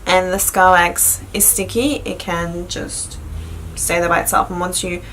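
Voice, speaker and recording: A woman's voice: fairly low pitch, flat delivery, measured pace, a bit bright, a little hiss or hum, poor audio. A woman beauty vlogger chatting informally as she explains a makeup tutorial step by step. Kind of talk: casual instructional chat.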